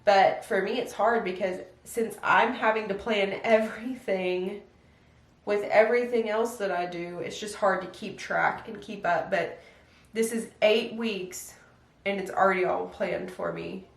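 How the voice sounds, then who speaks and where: Chatty young mom with a gravelly edge. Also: female voice, medium pitch, unhurried. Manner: chatty, relaxed, step-by-step how-to with lots of "like". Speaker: stay-at-home mom vlogger. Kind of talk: casual get-ready-with-me vlog chat. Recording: echoey room, voice a bit distant.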